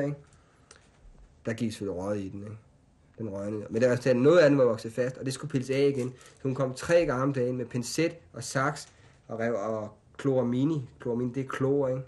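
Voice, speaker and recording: In candid personal storytelling, an interviewee speaks in loose, colloquial language, constantly adding "ikke?" and "mand." When he recalls painful memories, he often drops to a quiet, low voice.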